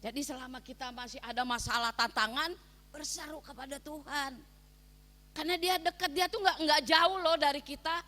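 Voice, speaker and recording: A woman pastor preaching a sermon, swinging between soft asides and loud, emphatic calls to her listeners. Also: high-pitched, steady tone, moderate pace. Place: prison hall, preaching to inmates. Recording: long hall reverb.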